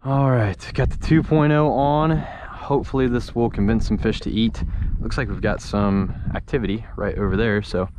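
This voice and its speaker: A young adult man speaks casually into a close-held or worn action camera while fishing out on open, shallow bay water. His voice runs on the low side with fairly even intonation at normal speed, and loud wind and water noise fill the recording.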